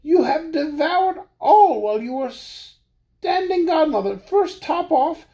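A timid storybook mouse squeaks in a high, anxious voice, as a woman puts her on. Her worried questions and sudden cries jump well above the reader's own mellow voice. She sounds trusting and easily alarmed. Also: big pitch swings, normal speed. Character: fretful, trusting little female mouse.

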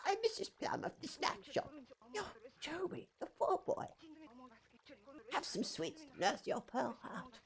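A sweet, fussy snack shop lady from a video game, played by a man. The voice is pitched very high, far above everyday talk, and dotes on whoever she greets. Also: wildly swooping pitch, unhurried, gravelly, long pauses, a bit bright, exaggerated voice. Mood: doting.

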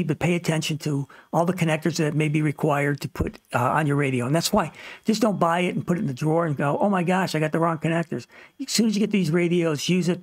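With a fairly high-pitched voice and a recording free of room sound, the host of a ham radio tutorial series talks through an informal instructional slideshow, offering down-to-earth, practical tips.

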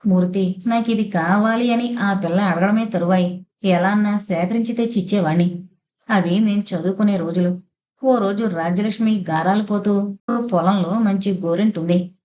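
A woman reading a first-person novel aloud as a narrator, steady and storytelling, lifting her voice for quoted lines. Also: mid-range voice, normal speed. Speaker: audiobook narrator.

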